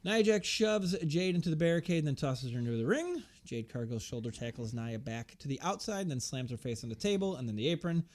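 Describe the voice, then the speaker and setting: A man's voice: on the high side, very animated, fairly quick, hardly any pauses, darkish tone. A man co-hosting a comedy podcast, giving a loose play-by-play recap of a wrestling match with sarcastic asides. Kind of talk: casual comedic chat.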